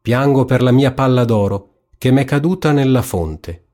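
A man's voice: mid-range voice, normal speed, dark tone, voice pushed up, natural voice. A man voicing a spoiled young princess in a storybook reading, whiny and raised. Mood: tearful.

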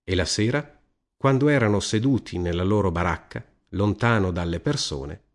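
A man with a lowish voice tells a fable like a storybook reading. His pitch moves a lot as he speaks, and he paces it evenly and clearly. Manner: measured, lively storytelling. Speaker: narrator.

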